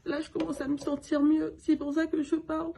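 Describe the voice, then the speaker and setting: A woman giving an emotional personal testimony, halting and stammering, indignant and near tears. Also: sits high, level tone, vocal fry, warm tone, slight background noise.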